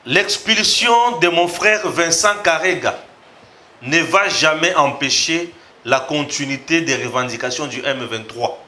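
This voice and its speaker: Man with a bright voice. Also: on the high side, expressive, unhurried. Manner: reads tweets aloud and comments, switching between French and Lingala. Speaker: host. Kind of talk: political commentary show.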